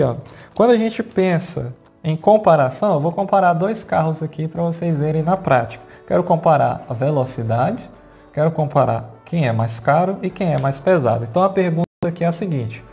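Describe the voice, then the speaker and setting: A Brazilian-accented teacher walks a class through grammar at the board, patient and steady, often stopping to check that everyone is following. The voice is gravelly and mellow, and the key words come out slow and deliberate. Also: medium pitch. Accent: Brazilian Portuguese. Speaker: English teacher. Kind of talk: explaining grammar at a whiteboard.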